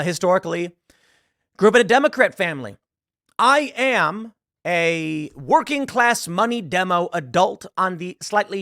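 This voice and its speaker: Man, 30s, solo political commentary, sarcastic, higher pitch, very lively intonation. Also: no room sound, studio quality. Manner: animated, sarcastic, mocking quoted voices.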